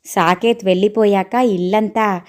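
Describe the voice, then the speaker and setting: A woman storyteller reading an audio story aloud in a steady, expressive way. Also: medium pitch, measured pace.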